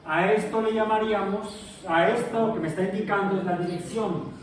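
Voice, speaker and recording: A man's voice: sits high, steady tone, normal speed. A male science teacher giving a classroom physics lecture, explaining step by step with restarts and checks. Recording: echoey classroom from far off, noisy.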